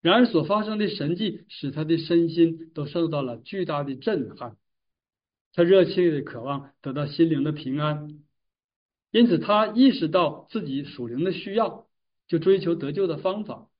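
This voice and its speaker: A man giving a Bible exposition, retelling and explaining a passage in a measured storytelling way. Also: fairly high pitch, expressive. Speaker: Bible teacher. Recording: distant mic, dull lo-fi sound.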